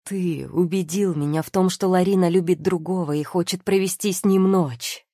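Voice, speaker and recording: A passionate young lord speaking in hard, barely held fury, read by a woman for an audiobook. His lines come out firm and clipped in a low, dark voice. The recording is close and dry. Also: fairly even intonation, moderate pace, no echo, close to an everyday voice. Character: angry, passionate young male lord in love. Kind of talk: audiobook character reading.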